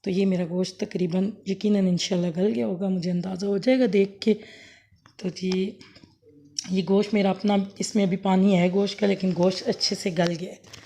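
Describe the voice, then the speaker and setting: Woman, hoarse sore throat, gravelly, mellow tone, rambling homely recipe chat. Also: mid-range voice, fairly even intonation, normal speed. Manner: homely, rambling, self-correcting explanations. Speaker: cooking vlogger. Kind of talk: casual cooking demonstration. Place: home kitchen, later outdoors under a fan.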